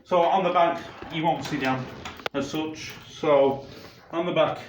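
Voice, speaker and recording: A DJ gives a casual how-to demonstration while handling gear, rambling and restarting sentences as he goes, in a room with a camera operator. His voice is on the high side, fairly even in intonation and a little slow. The home video audio is roomy and slightly dull, with a noisy background.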